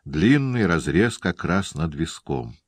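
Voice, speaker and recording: A male audiobook narrator with a very deep voice, reading in a measured, steady way. The sound is close and dry, without any room. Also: no echo. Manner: measured storytelling. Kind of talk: scripted narration.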